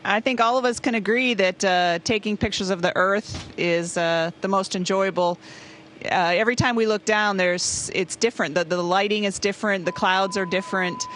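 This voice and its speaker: A woman's voice: mid-range voice, moderate pace. A woman speaking as an astronaut in a casual, conversational interview. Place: aboard a space station. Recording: faint equipment hum. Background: faint steady ambient noise.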